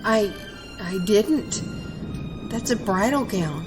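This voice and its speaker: A woman's voice: medium pitch, animated, slow, music in the background, low-quality recording. An actress playing a frightened young woman who has inherited a house, shaky and near tears, in an audio drama. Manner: shaky and anxious, crying at times.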